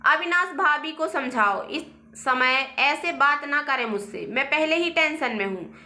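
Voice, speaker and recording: A woman voicing an angry, quarrelsome young wife who shouts accusations, in a roomy echo. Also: high voice, animated, a little slow, exaggerated voice.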